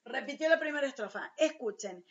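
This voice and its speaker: A woman teaching English to children, slowly and patiently repeating and translating each word. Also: high voice, expressive, muffled recording, over loud music. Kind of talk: recorded online class for children.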